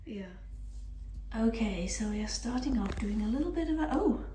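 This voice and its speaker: Higher-voiced woman, casual paranormal host, echoey room with background noise. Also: expressive, moderate pace, dark tone. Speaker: paranormal investigator hosting a session. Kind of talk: casual narration and questions addressed to spirits. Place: echoey indoor space.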